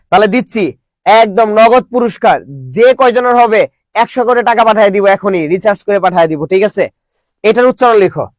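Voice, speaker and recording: A man's voice: high-pitched, no echo. A young man teaching a live online Bangla class, joking with students and drilling them with call-and-response questions.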